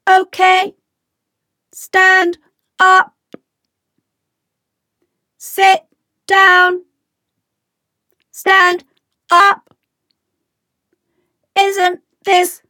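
A woman voicing a friendly robot that gives simple classroom commands in a slow, even, sing-song children's lesson chant. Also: very high voice, dry recording, studio quality, full character voice.

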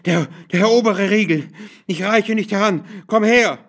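Shrieking frantic old mother, voiced by a man. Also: unhurried. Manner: shrill, desperate shrieking. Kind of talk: storybook reading.

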